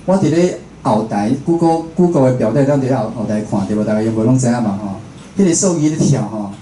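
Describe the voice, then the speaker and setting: Faint music plays behind a man with a mid-range, dark voice who speaks at a quick pace with lively intonation. He's a Taiwanese-accented radio host giving an informal public talk indoors, regularly checking in with listeners, and the roomy venue carries faint noise.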